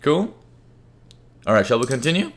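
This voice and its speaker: A man's voice: medium pitch, very animated, moderate pace. A man presenting a live trading webinar, explaining charts conversationally and often checking in with his audience. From Indian parents, raised in several countries. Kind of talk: live webinar teaching with chat questions.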